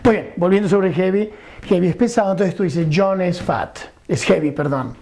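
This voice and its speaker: A man's voice: high-pitched, a little fast, vocal fry, dark tone. A middle-aged man teaching an English grammar lesson, explaining patiently and often checking understanding.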